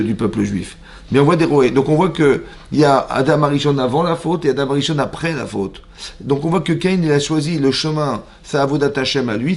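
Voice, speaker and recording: A man with a French accent, a rabbi giving a lively Torah class in a synagogue. He reads out Hebrew verses, explains them and keeps asking his listeners questions. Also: mid-range voice. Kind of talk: animated Torah lesson to a mixed class. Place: synagogue hall.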